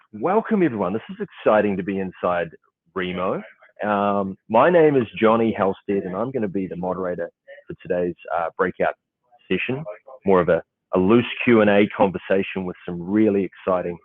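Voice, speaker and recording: In his forties and from New Zealand, this man hosts a casual online panel in a low voice at a fairly quick clip, keeping things loose and chatty with plenty of "uh" fillers. The sound is phone-quality, and he's in a client's office in Seattle while a crew sets up.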